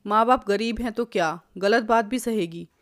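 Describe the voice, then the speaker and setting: Woman voicing a scolding older mother-in-law, protective and sharp-tongued, mid-pitched storybook voice. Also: moderate pace, lightly acted. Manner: scolding, lecturing.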